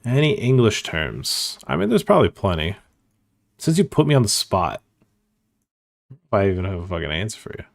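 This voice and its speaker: A man's voice: lowish voice, wildly swooping pitch, moderate pace, gravelly, long pauses. A man streaming online poker, thinking aloud in casual, self-mocking commentary and swearing freely.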